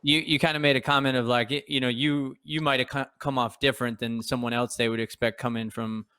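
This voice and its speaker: A man co-hosting a podcast, asking the guest questions in a halting way with frequent restarts. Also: mid-range voice, fairly even intonation, pushed and bright, smooth, dry recording, clean studio sound. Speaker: podcast co-host. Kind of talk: interview questions.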